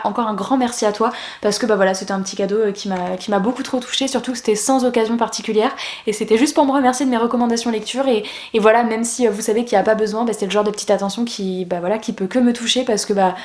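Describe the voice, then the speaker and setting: A woman talks quickly and casually in a book haul vlog, full of fillers and restarts. Her voice rings in a roomy space. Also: mid-range voice, a little mellow. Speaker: book YouTuber.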